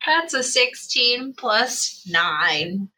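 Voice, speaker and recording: Bright-voiced woman player. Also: on the high side, sing-song, very slow, slight background noise, low-quality recording.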